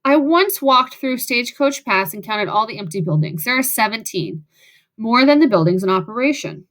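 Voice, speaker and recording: A woman's voice: on the high side, expressive, normal speed, a bit bright. A woman reading a first-person audiobook in a wry, sarcastic way. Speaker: audiobook narrator.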